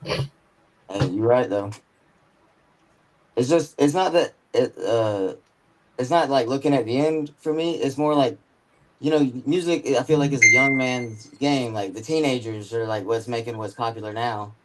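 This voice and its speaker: A man's voice: mid-range voice, a little slow, fairly bright tone, slight background noise, low-quality recording. A man in his mid-twenties talking about his music as a guest, rambling and slangy with lots of filler words. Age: 20s. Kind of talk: casual chat.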